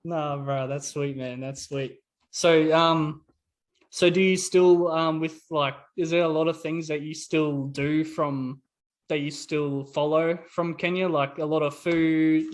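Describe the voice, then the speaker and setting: A young man hosting a casual podcast, talking with lots of ums and likes. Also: a little high. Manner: hesitant, many ums and likes. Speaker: podcast host.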